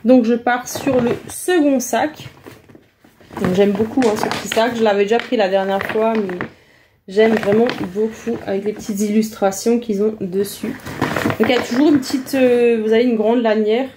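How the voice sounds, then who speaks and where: A woman's voice: a little high, steady tone, normal speed, background noise. A woman chatting casually through a shopping haul vlog, hesitant and full of fillers. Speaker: vlogger showing a shopping haul.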